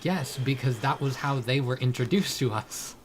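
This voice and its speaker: Casting note: a male tabletop player, eager and halting, middle pitch, faint background hiss. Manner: eager, stumbling over words. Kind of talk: casual tabletop game chat.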